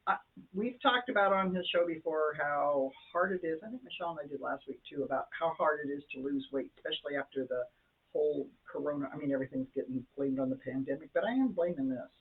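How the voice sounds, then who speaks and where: An older woman co-hosts a casual chat show, chatty and self-deprecating with playful jokes. Her voice sits low, quick and slightly rough, and the sound is tinny, like a phone.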